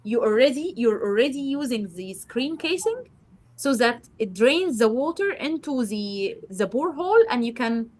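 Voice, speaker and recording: A woman's voice: a little high, expressive, normal speed. A woman presenting a geology webinar, answering questions live in a hesitant way with many fillers.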